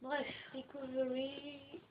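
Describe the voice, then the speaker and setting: A young woman talks through a game as she plays, rambling and chatty, with frequent filler words. Her voice sits a little high. The home mic sounds slightly muffled and lo-fi, with a faint hiss underneath. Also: monotone, slow pace. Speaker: gaming video maker. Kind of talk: casual gaming commentary. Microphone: home computer microphone.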